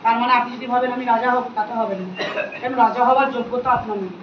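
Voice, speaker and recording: A high-voiced woman talks quickly and insistently, scolding and preaching to a crowd. Her voice rings in an echoey room, with dull sound and steady background noise. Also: recorded from a distance. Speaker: spiritual volunteer handing out free remedies. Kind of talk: addressing a gathering, questioning attendees.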